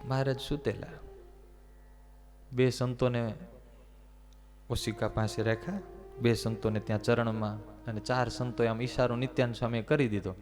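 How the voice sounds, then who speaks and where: A man preaching a devotional sermon, narrating expressively and dropping low for tender moments. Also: flat delivery, moderate pace, pauses often, a little mellow, soft background music.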